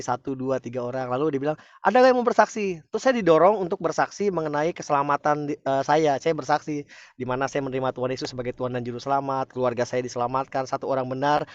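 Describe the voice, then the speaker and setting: A man preacher telling a testimony to an online congregation, animated and often calling out to his listeners. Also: on the high side, no echo, muffled recording. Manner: animated, frequent "saudara" addresses, rising excitement. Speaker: preacher leading an online fellowship.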